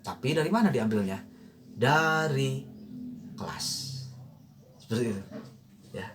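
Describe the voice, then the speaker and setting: Male choir coach, loose and chatty, pauses to sing short demo lines, faint background hiss. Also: medium pitch, animated. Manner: casual, thinking aloud, many fillers; breaks into short sung lines to demonstrate. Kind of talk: informal online lesson.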